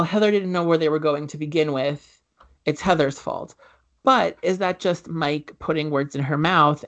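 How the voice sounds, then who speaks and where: A podcast co-host in a casual movie chat, rambling with lots of fillers and swearing freely. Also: mid-range voice.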